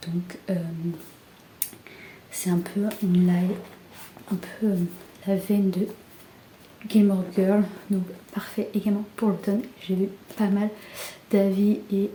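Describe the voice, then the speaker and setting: A young woman chatting casually about books in a soft, often half-whispered voice, with many fillers. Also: medium pitch, level tone, slow, pauses often. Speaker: book vlogger. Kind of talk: casual book haul chat. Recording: echoey room with faint background hiss.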